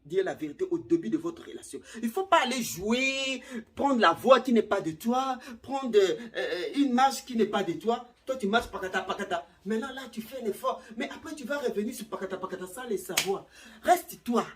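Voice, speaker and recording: A middle-aged woman giving casual relationship advice to camera, animated, acting out little scenes and repeating words. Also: a little high, normal speed.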